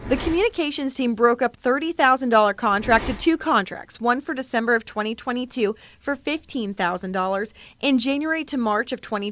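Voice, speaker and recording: A woman's voice: on the high side, fairly bright tone, slight background noise. An American woman reporter narrating a scripted investigative news exposé for television.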